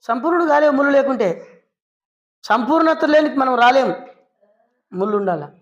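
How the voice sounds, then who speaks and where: A woman preacher giving a storytelling sermon, lively and full of questions she answers herself. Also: high-pitched, moderate pace, muffled recording. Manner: lively, asks and answers her own questions; acts out quoted people in short voices.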